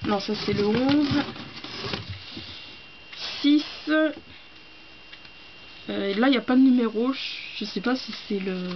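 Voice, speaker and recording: A young woman from France with a fairly high voice, talking through an unboxing in an excitable, gushing way with plenty of hesitant fillers. The sound is dull and lo-fi, with a faint hiss underneath. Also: takes it slowly, pauses often. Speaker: book vlogger. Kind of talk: casual unboxing chat.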